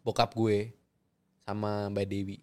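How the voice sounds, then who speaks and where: A man's voice: fairly low pitch, level tone, takes it slowly. A young man, a guest actor in casual chat who laughs, fumbles and repeats himself.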